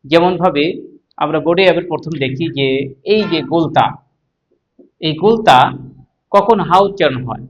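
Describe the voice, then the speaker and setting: A man teaching Quran recitation in a class, explaining step by step and spelling out letters and vowel marks slowly. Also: fairly high pitch, highs cut off. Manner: explains step by step, asks the class and answers himself. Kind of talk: classroom lesson on tajweed.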